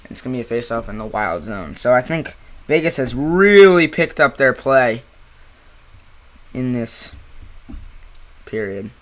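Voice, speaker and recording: A young man with a New Jersey accent doing casual live hockey play-by-play, surging with excitement on big plays and chatting to his viewers in between. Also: medium pitch, measured pace, pauses often. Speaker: amateur play-by-play streamer.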